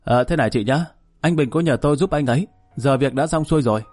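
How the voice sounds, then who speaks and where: A man's voice: medium pitch, quick pace, a little mellow, dry recording, faint music behind, close to an everyday voice. Man as crude extortion caller; curt, pressuring, plain mid voice, dry. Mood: pushy. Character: crude male extortion caller, pushy and evasive.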